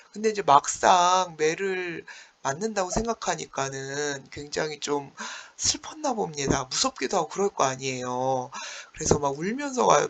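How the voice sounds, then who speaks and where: A male teacher giving an online class lecture, retelling a story with animated exclamations. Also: fairly high pitch, vocal fry, slight background noise.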